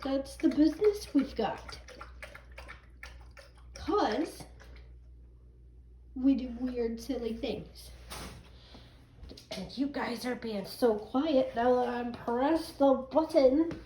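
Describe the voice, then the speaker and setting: A woman's voice: high voice, animated, slow, long pauses, dark tone. A woman chatting casually to her dogs at home, in a cooing, sing-song way with teasing scolding. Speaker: dog owner. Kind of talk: playful pet talk, casual chat to dogs. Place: indoors at home. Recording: echoey room, faint background noise.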